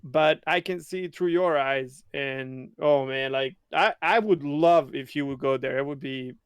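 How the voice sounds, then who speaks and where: Man from serbia, excitable podcast co-host, clear smooth voice, dry sound. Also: mid-range voice, measured pace, no echo. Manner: excitable, laughing often. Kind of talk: casual gaming podcast chat.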